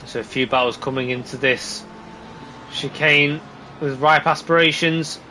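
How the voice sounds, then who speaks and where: High, bright-voiced male motorsport commentator. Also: unhurried, slight background noise, poor audio. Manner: excitable running play-by-play, exclaiming. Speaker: motorsport commentator on a sim racing broadcast. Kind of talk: live motorsport race commentary.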